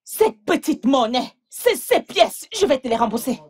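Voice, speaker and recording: A woman's voice: high-pitched, sing-song, unhurried, breathy edge, exaggerated voice. A woman voicing a domineering, scornful mother in a French film dub, mocking and scolding. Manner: mocking and scolding, then hushed and coaxing. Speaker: mother of the bride.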